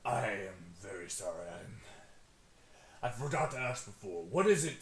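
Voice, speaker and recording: A man voicing an apologetic, polite older orc in a tabletop game, with a dopey, halting cartoon manner and a thick, low voice. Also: lively intonation, slight background noise. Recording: echoey room.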